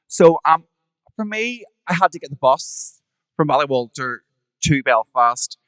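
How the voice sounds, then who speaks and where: Camp Northern Irish man, quick quips. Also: fairly high pitch, expressive, no echo, clean studio sound. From Northern Ireland. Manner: camp, sharp-tongued quips. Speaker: drag performer guest. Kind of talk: live podcast chat.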